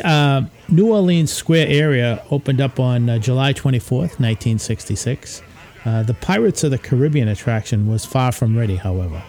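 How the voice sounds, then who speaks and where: A man hosting a podcast, telling history in a relaxed, casual way, often pausing with uh and um. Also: medium pitch. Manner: relaxed, hesitant, with frequent uh and um. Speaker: podcast host. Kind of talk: casual informal history talk.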